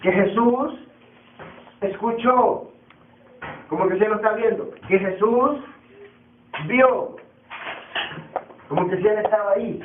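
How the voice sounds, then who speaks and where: A man's voice: high voice, noisy background. A man teaching a Bible class, repeating key terms and firing questions at his students. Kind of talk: classroom lecture. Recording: tinny, echoey distant classroom recording.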